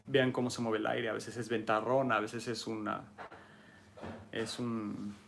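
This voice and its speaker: A man's voice: medium pitch, vocal fry, slight background noise. A man with a Mexican accent teaching a martial arts class in a conversational way, often checking in with his listeners. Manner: conversational, keeps asking "¿sí?" to check understanding; acts out arguing people in a raised, mocking voice. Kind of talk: casual teaching talk.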